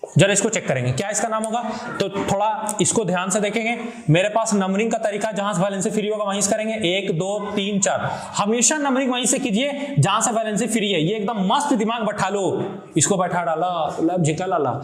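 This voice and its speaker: A man's voice: sits high, brisk, roomy sound. A male chemistry teacher giving a classroom lecture, fondly addressing his students and repeating questions in a call-and-response pattern.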